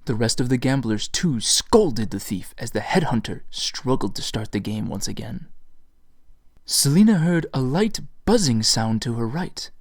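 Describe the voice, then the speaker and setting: A man narrating his own fantasy novel in a measured storytelling voice, recorded on a desktop mic. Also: mid-range voice, lively intonation, no echo, studio quality. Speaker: author and narrator. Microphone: USB desktop mic.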